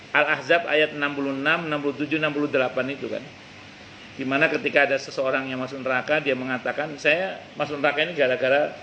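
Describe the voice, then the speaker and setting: A man's voice: a little high, vocal fry, a bit bright, slight background noise, poor audio. A man giving a religious study lecture in a conversational way, often repeating his points and quoting Arabic verses. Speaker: religious teacher. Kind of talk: mosque study-circle lecture. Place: cafe.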